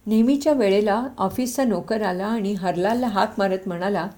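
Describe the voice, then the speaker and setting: A woman reading a short story aloud as a storyteller, in steady narration with the characters' lines spoken in quotes. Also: mid-range voice, moderate pace.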